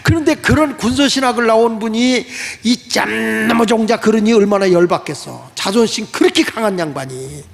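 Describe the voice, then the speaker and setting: Male pastor, storytelling sermon, raspy fry in a high voice, long hall echo. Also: moderate pace, few pauses. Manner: animated, acts out quoted voices.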